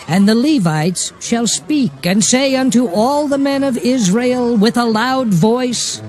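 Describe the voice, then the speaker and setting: A man giving a solemn, measured, declamatory reading of scripture with music behind. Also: extremely high pitch, animated, a little mellow.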